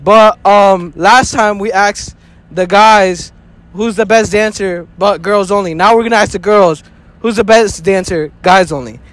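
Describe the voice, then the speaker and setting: A man's voice: high voice, unhurried, fairly bright tone, no echo. Hyped young guy running street interviews. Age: young adult. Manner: hyped, laughing, joking with friends. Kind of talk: casual public interview. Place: outdoors and in a crowded graduation hall.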